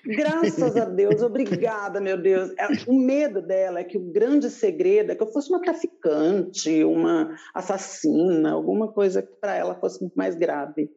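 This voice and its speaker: Woman guest, personal storytelling; gravelly, warm-toned, animated delivery with voiced-out quotes; dull lo-fi recording. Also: moderate pace, few pauses. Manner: animated, acts out quoted voices with big pitch jumps. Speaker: guest telling her life story. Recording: dull lo-fi sound.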